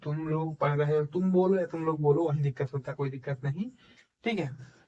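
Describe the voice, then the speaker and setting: A man teaching English grammar in with a tinge, dictating examples slowly and checking in with his students. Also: fairly high pitch, far from the mic, lo-fi sound. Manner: slow dictation of example sentences, frequent "ठीक है" and rhetorical questions. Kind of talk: explaining a grammar lesson in Hindi.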